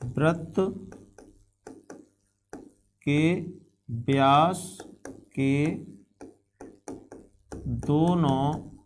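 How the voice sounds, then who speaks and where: A man's voice: fairly high pitch, darkish tone. A man teaching a school geometry lesson step by step, repeating key phrases and addressing students as his children. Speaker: math teacher. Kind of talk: classroom lesson on geometry constructions.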